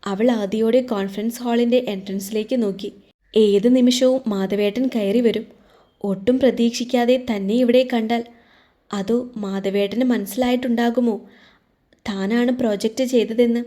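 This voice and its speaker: A woman narrating a romance story in a measured, scripted reading. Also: on the high side, steady tone, warm tone.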